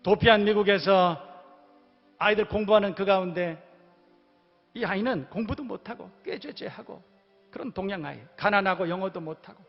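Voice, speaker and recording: A man's voice: high-pitched, creaky. A man preaching a sermon as pastor, moving from storytelling to emphatic exhortation. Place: church sanctuary. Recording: long hall reverb, dull lo-fi sound, faint music.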